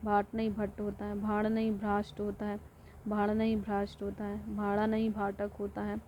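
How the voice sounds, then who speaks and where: A woman teaching an exam-prep lesson, reading through word pairs and repeating each one in a steady drilling way. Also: mid-range voice, normal speed. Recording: dull lo-fi audio with faint noise.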